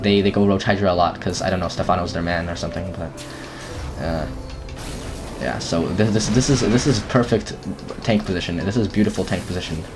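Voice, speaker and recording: A man's voice: on the low side, slight background noise. A young man giving casual commentary over his own gameplay, stumbling and restarting often with many fillers.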